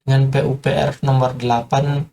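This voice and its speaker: A man's voice: medium pitch, flat delivery, brisk, gravelly, dark tone, slight background noise. A man giving an informal tutorial on construction, talking hesitantly with many filler sounds and addressing viewers as friends. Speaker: construction explainer.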